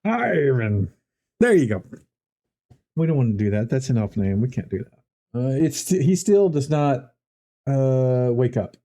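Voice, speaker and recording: Male game master, deep mellow tone, casual tabletop narration. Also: lively intonation, moderate pace, pauses often. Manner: loose, conversational scene-setting.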